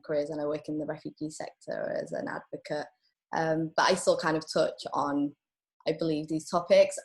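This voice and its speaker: A woman's voice: low-pitched, a little mellow. A woman introducing herself on an online panel, hesitant and full of fillers. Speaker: refugee advocate panelist.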